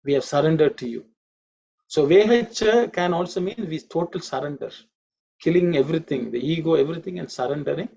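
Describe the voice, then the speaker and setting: Male Sanskrit teacher, gravelly and slightly raised voice, patient drilling, dull lo-fi line. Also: a little high, lively intonation, dark tone. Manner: patient, repeats pronunciations slowly. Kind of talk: online class lecture. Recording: dull lo-fi audio.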